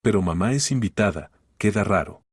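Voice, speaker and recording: A man's voice: on the low side, expressive, a little fast, breathy edge, no room sound, clean studio sound. A man reading the lines of an awkward, evasive husband who tries to placate. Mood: placating. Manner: uneasy, placating.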